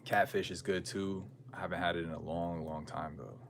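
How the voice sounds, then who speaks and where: A man's voice: deep voice, fairly even intonation, moderate pace. An American man in a casual livestream chat, musing aloud in slangy, conversational talk as he answers viewers. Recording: clear background noise and ambience.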